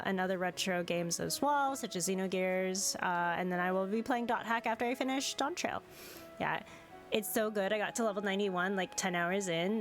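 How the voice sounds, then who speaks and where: A woman livestreaming a game in a cute, bubbly anime-streamer way, chatting casually and greeting viewers effusively. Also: mid-range voice. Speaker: VTuber streamer. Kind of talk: casual livestream chat over a video game. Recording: game music behind the voice. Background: game music.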